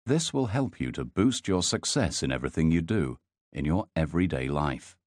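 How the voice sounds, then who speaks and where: Male hypnotist, very low voice with lively melody, dry close sound, soothing. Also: no room sound. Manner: slow, soothing, measured delivery. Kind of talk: guided sleep hypnosis.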